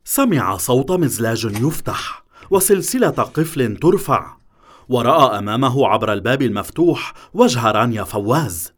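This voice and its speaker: Male audiobook narrator for a thriller, animated and expressive. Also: mid-range voice.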